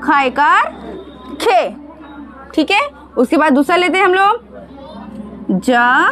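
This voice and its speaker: A woman with a high voice teaches a Hindi lesson to young children. She sounds out each syllable slowly and patiently and keeps asking the children questions. There is a faint hiss of background noise behind her. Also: a bit bright.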